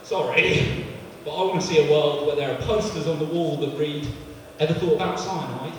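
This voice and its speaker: A sardonic young man, doing a rambling stand-up set that now and then bursts into shouting. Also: a little high, moderate pace. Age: 20s. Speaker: stand-up comedian. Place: live comedy venue. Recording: echoey hall from far off, crowd.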